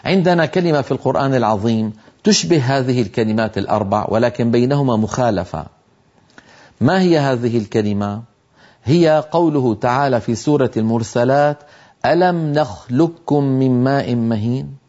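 A man gives a patient tajweed lesson, explaining how Quranic sounds are formed and slowly sounding out the example syllables. His voice is warm and mellow. The recording is a little dull and lo-fi. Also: mid-range voice, lively intonation. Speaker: Quran recitation teacher.

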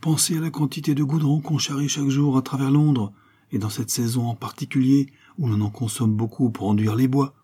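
A man's voice: medium pitch, steady tone, warm tone, slightly rough, pitched above the performer's own voice, natural voice. A man doing a keen, self-assured detective. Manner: brisk, reasoning, assured. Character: keen, confident adult male detective. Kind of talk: audiobook character reading.

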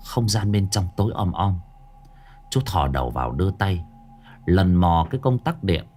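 A man's voice: sits low, animated, normal speed, a little mellow, soft background music. A man narrating a ghost story in a folksy storytelling manner.

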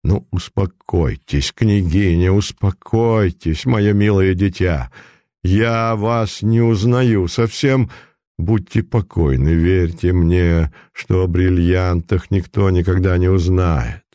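A man's voice: low-pitched, fairly even intonation, takes it slowly, mellow, dry recording, clean studio sound. A man voicing a domineering male occult charlatan who speaks in a commanding, mocking tone in a storybook reading. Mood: soothing. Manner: commanding, mocking, at times thundering.

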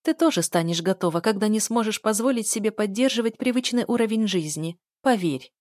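A woman's voice: medium pitch, expressive, brisk, a little mellow, no room sound, studio quality, close to an everyday voice. A woman voicing a brash, cynical young woman who schemes for a better life, in a storybook reading. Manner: cynical, pushy.

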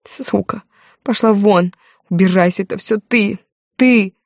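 A woman reading an audiobook, voicing a jealous, hysterical young wife in a raised, shrill voice. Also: measured pace, gravelly, darkish tone, no echo, studio quality. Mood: furious.

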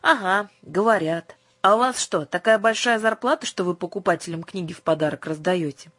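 A woman's voice: fairly low pitch, fairly quick, fairly bright tone, no room sound. A woman reading an audiobook, voicing a spirited little girl who argues indignantly. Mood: cheerful. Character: spirited, touchy little girl shopping for books. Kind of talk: audiobook character voice.

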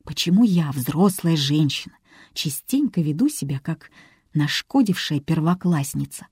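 A woman's voice: deep voice, animated, unhurried, a little mellow, breathy edge, dry recording, studio quality. A woman reading a first-person audiobook in a wry, self-mocking way. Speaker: audiobook narrator.

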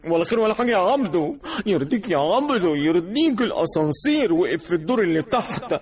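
A man voicing a flustered, complaining Egyptian housewife with a shrill, rapid, indignant manner in a radio comedy sketch. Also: big pitch swings, a little mellow. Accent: Egyptian Arabic.

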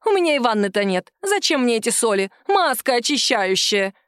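Женщина озвучивает ворчливую деревенскую мать средних лет, которая насмешливо и сердито жалуется. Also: female voice, fairly high pitch, sing-song, a little fast, a bit bright, smooth, dry recording, studio quality. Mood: ворчливо. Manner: complaining, scornful. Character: grumbling middle-aged village woman, mother.

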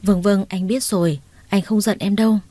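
A woman's voice: mid-range voice, fairly even intonation, moderate pace, mellow, no room sound, natural voice. Woman reading the lines of a pleading remorseful young man. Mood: eager. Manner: pleading, clingy.

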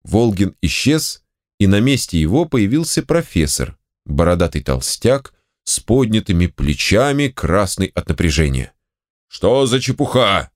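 A man's voice: sits low, very animated, normal speed, darkish tone, no echo, studio quality. A man reading an audiobook aloud, narrating expressively and moving between character voices. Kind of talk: scripted narration.

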